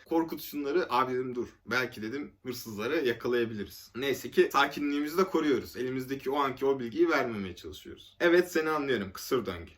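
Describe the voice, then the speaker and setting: A young man from Turkey telling a story in a casual vlog, animated and joking, laughing often as he goes. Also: mid-range voice. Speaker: vlogger.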